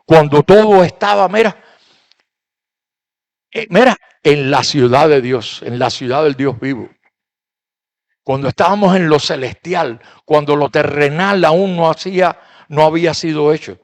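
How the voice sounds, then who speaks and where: A man's voice: on the high side, unhurried, long pauses. A man pastor preaching a sermon in a conversational way, reading Bible verses and explaining them.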